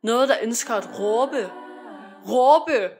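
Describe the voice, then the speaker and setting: Female poetry reader, mid-range pitch, hushed and brooding, over a music track. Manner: intimate, brooding recitation rising to anguished shouts.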